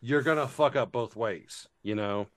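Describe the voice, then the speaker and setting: A man's voice: mid-range voice, unhurried, a bit bright. A man casually chatting about board games, rambling with lots of fillers and restarts and casual swearing. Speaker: board game reviewer. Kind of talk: casual chat.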